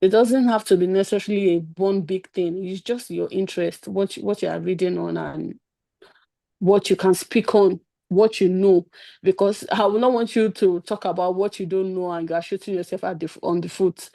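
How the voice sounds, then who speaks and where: A woman's voice: mid-range voice, fairly even intonation, normal speed, gravelly, dark tone, no echo. A woman giving casual, chatty advice on a webinar video call, full of "like" and "just". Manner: chatty, informal, lots of "like" and "just". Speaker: webinar speaker and past program participant.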